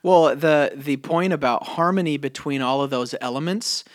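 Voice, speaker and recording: A man co-hosts a relaxed podcast chat, affirming his partner's points as he goes. His voice is a bit higher than most men's, and the recording is close and dry with no room sound. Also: no room sound. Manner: affirming, chatty, quick to agree. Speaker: podcast co-host. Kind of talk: casual podcast conversation.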